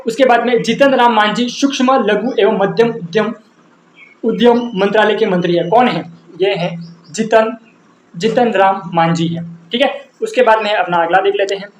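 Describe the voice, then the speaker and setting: A man teaching an exam-prep lesson with memory tricks, asking and answering his own questions over and over. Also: sits high. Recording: roomy echo, faint background noise.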